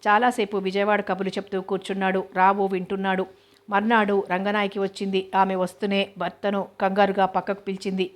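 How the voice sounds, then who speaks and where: A woman narrates a novel in a steady, measured reading voice. Her pitch sits in a narrow band, keeping the delivery calm and level from line to line. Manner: even, steady reading, voicing all characters lightly. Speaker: novel reader.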